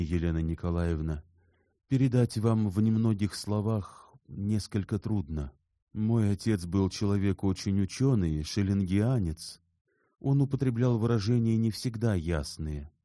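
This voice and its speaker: A man's voice: fairly low pitch, normal speed, mellow, no echo, studio quality, voice pushed up, lightly acted. A man doing a mild, bashful young scholar. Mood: earnest. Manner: mild, careful, a little bashful. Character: shy, earnest young male scholar. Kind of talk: audiobook character reading.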